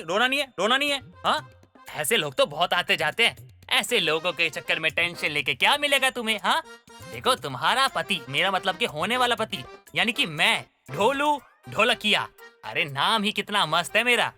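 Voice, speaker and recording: Someone voicing a goofy young dhokla guy in a cartoon, bright and jumpy, over the top. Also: medium pitch, normal speed, soft background music. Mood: coaxing. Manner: over-the-top excited, chatty, comic. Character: goofy young male dhokla seller, excitable.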